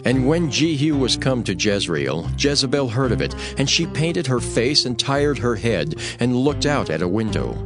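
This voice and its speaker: Over music, a man narrates a dramatized scripture reading in a solemn, measured storytelling style. His pitch is medium and his delivery very animated.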